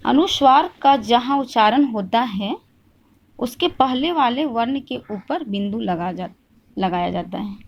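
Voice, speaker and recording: A woman teaching a Hindi grammar lesson. She asks the class questions, answers them herself and repeats each point slowly. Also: on the high side, animated.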